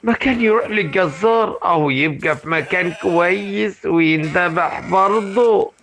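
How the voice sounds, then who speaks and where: A meek, harried husband. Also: male voice, sits high, moderate pace, fairly bright tone. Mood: exasperated. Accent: Egyptian. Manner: weary, pleading.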